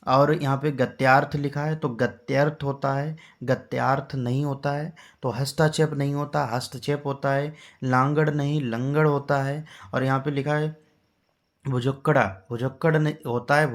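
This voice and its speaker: Male teacher, exam-prep spelling lesson, rhetorical questions, steady middle pitch. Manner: patient drilling with rhetorical questions.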